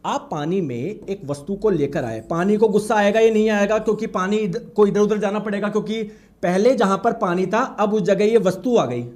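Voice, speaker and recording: A man's voice: high-pitched, moderate pace, a little mellow. A male teacher giving a classroom lecture, often asking the class questions and acting out the students' replies.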